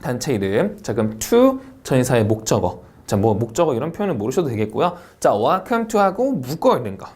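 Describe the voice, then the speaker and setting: A man giving an online test-prep lecture as an English speaking instructor, asking rhetorical questions and reading English example phrases slowly and with emphasis. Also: medium pitch, very animated, darkish tone, slightly rough. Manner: asks the class rhetorical questions and answers them himself.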